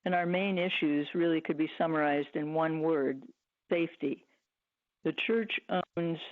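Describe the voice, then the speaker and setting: Woman, over the phone, flat even delivery, measured prepared remarks, tinny phone line. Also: low-pitched. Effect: speaking over the phone. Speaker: public commenter, church council chair. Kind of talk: public comment at a board meeting.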